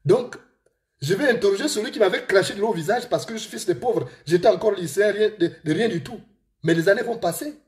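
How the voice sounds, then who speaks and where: A man with a Gabonese accent, an author telling a story to listeners and reading aloud from his own book in a lively way. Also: high voice, fast.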